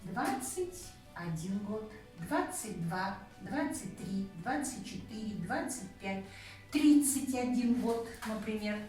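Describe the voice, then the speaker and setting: Her mid-range, slightly mellow voice has lively intonation and a slow pace. Teaching a language lesson, she patiently works through a grammar point, counting examples and checking on her student. Faint music plays in a very echoey room, and she sounds far from the mic.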